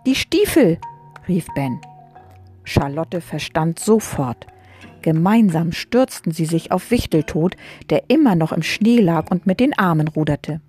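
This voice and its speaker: A woman reading a children's book aloud, gently addressing young listeners. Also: low-pitched, expressive, a little slow, soft background music.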